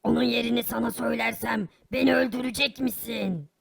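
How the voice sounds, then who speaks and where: A shameless cartoon crook who speaks in a very gravelly tone set a little high. He wheedles and brags about his crimes as if they were nothing. The voice is sly and slippery. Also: fairly even intonation, fairly quick, crowd noise. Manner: sly, wheedling, casually boastful. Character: sly captured criminal, boastful and shameless. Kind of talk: animated cartoon voice acting.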